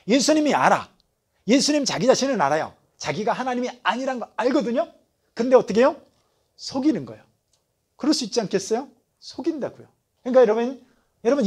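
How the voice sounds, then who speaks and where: A man with a high, husky voice teaches a Bible study as a pastor. His pitch rises and falls all over the place, and he talks conversationally, constantly checking in with his listeners through questions. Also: darkish tone.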